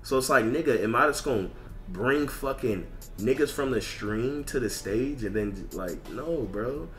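An animated, medium-pitched man with a fairly bright tone speaks at a measured pace on his gaming livestream. He rants casually in repetitive, profane slang while music plays in the background.

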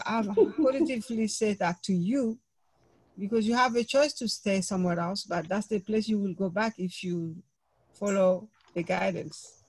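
On a video call with her study circle, a woman tells an anecdote with animation, using non-native grammar and laughing at her own story. Her voice is mid-range, with no room sound, and the recording is rough.

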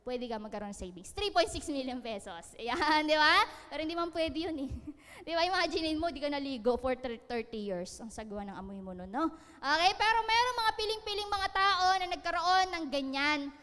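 A young woman giving a lively seminar talk, joking often, laughing and asking her listeners questions. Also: high-pitched, fairly quick. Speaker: seminar speaker. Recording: long hall reverb.

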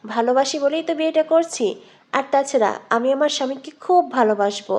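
An earnest young bride, as a woman narrator voices her speaks gently and pleadingly to an old friend. Her voice sits high and light, in plain storybook reading with almost no put-on character. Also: brisk, natural voice.

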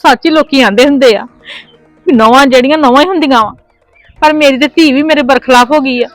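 A woman playing a shrill scolding mother-in-law. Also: fast talker, no room sound, faint music behind, close to an everyday voice, poor audio. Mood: bitter. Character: scolding quarrelsome mother-in-law, shut out of the house. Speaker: actor. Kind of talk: village family drama acting.

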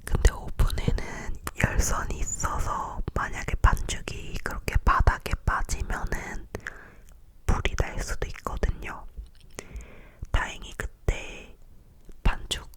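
Woman, young adult, leaning-in close whisper, breathy, unhurried pace, casual ASMR chat. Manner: slowly repeats words as soft trigger sounds. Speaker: ASMR video creator. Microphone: close-up microphone.

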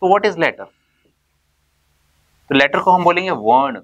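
A man's voice: fairly high pitch, lively intonation, a bit bright, muffled recording. A man teaching basic English terms in a classroom-style lesson, mixing Hindi with English words and asking then answering his own questions. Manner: stretches out words slowly for emphasis.

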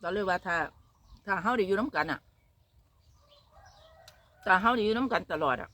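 A woman's voice: medium pitch, normal speed, pushed and bright. An older woman from northeastern Thailand with an Isan Thai accent, chatting casually in a vlog and mixing in broken English phrases. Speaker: vlogger. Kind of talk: casual chat.

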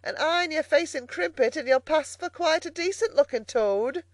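Storybook barge woman, acted by a narrator: hefty, brash, mocking, voice pitched well up. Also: animated, moderate pace, no echo, lightly acted. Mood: jeering. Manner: mocking, scolding.

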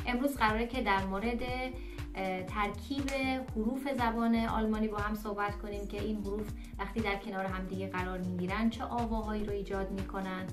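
Female language teacher, mid-pitched, patient and explanatory, many fillers, echoey room. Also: a little mellow. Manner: explanatory, repeats sounds slowly with many fillers. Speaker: German teacher. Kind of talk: online language lesson.

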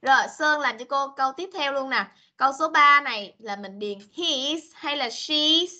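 A woman teaching English to young children over a video call, speaking, patient and coaxing, mixing with slow English. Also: high voice, bright, forceful tone. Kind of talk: online class for young children.

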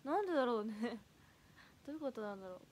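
A woman in her early twenties hosting a casual livestream, chatting and reading fan comments aloud, her voice flipping upward when she gets loud. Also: a little high, lively intonation, rapid-fire, husky. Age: early 20s. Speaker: idol livestream host.

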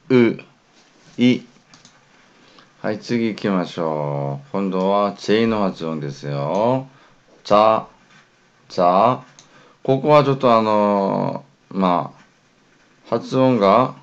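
A man's voice: on the low side, lo-fi sound. A man whose first language is Korean, patiently giving a pronunciation lesson and modelling syllables one by one. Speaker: language teacher.

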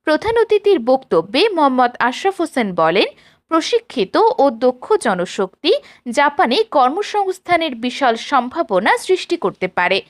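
News voice-over: woman, high, animated pitch, formal reading. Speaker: news reporter.

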